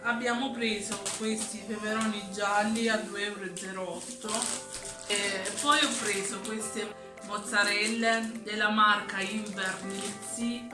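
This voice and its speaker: Slow-talking woman, getting over flu, echoey room. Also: medium pitch, steady tone. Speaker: vlogger presenting a grocery haul. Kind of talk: casual item-by-item shopping narration. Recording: roomy echo, distant mic, music behind. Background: music.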